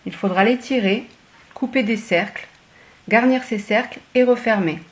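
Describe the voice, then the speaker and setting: A woman cooking vlogger walking viewers through a recipe in a chatty, casual way, often pausing on fillers. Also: a little high. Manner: chatty, hesitant with frequent fillers. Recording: echoey room.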